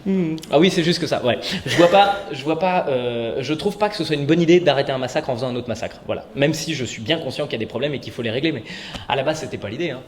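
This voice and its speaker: A man's voice: mid-range voice, fast talker. A man in his thirties doing a stand-up comedy set in a chatty, rambling, self-mocking way, on stage before a live audience. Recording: echoey venue with loud noise.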